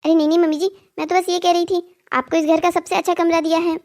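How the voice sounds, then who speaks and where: A woman's voice: very high-pitched, little pitch movement, quick pace, a little mellow. A voice actor playing a polite, nervous young bride in a cartoon story, eager to appease her mother-in-law. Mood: appeasing. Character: timid dutiful young bride.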